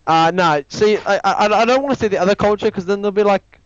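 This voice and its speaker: A man's voice: high voice, quick pace, no room sound, lo-fi sound. A young man chatting casually on a podcast, rambling and cutting in with "look, look" to take the floor. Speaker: podcast co-host. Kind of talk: casual chat.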